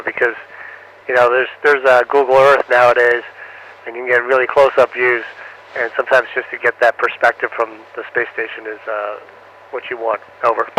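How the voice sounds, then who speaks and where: With a pushed, bright, mid-range voice, an astronaut on the space station responds to students in halting speech packed with fillers, and each answer ends with "over". The radio link is muffled, breaks up, and carries faint static.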